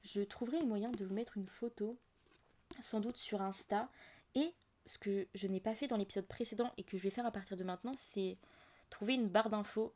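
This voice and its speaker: A young woman hosts a laid-back book podcast in a medium-pitched voice. She rambles warmly through asides and fillers. It sounds like a simple home podcast recording. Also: moderate pace. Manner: chatty, many fillers and asides. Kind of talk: casual book chat. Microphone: audio-only podcast mic.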